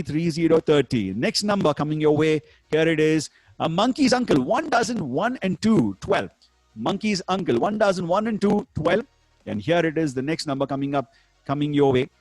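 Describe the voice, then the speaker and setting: A man's voice: a little high, darkish tone, dry recording. A man with an Indian accent working as a bingo caller, calling numbers with rhymes in a showy, repetitive sing-song patter. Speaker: bingo caller hosting an online game.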